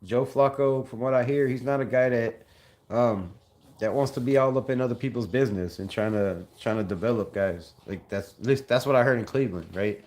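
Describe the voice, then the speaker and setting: A brisk, darkish mid-range voice belongs to a young SoCal man hosting a casual fan channel stream. He reads chat aloud, talks loosely in slang, and tends to repeat himself.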